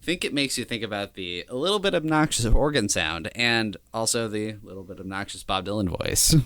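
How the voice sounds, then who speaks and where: A man's voice: on the low side, lively intonation, normal speed, fairly bright tone, dry recording. A man chatting casually on a podcast about a classic album, with hesitant restarts. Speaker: podcast co-host.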